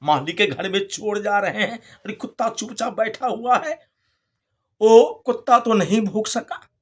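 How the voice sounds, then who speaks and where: A frantic, loyal male donkey in a spoken folk fable, as a preacher puts him on, repeating the same urgent command again and again. The voice is husky and breathy, and the delivery stays slow and drawn out even in the hurry. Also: high-pitched. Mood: urgent, pleading.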